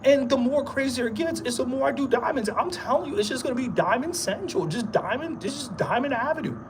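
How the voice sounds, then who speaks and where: A man delivers a rambling pep talk straight to the camera, hammering the same lines again and again in casual street slang. His voice swoops high and low, and a thin hiss of background noise runs beneath it. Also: lively intonation, fairly quick. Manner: repetitive, emphatic, streetwise slang. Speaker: vlogger. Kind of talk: rambling motivational monologue.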